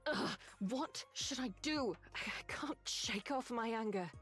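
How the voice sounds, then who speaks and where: A woman's voice: on the high side, animated, takes it slowly, a bit bright, soft background music. An actress playing a hot-tempered, super-strong female soldier in a game, blunt and irritable. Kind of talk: game voice acting.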